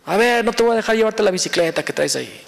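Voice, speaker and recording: A man's voice: high-pitched, expressive, quick pace, creaky, big-room sound, pitched above the performer's own voice. Man playing a harsh grasping servant. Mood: demanding. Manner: shouting, demanding. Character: harsh grasping male servant hounding a debtor.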